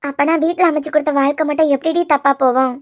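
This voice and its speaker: Cartoon role: frank young woman friend, voiced by a woman, Kanyakumari Tamil accent, very high, quick, earnest. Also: steady tone, natural voice. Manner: earnest, coaxing, quick-talking. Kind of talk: cartoon web series voice acting.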